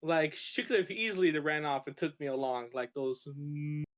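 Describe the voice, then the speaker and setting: Speaking at normal speed, a young man from Russia with a somewhat high voice shares casual stories on a podcast. His telling wanders, full of stammers and fresh starts, and the audio is dull and lo-fi.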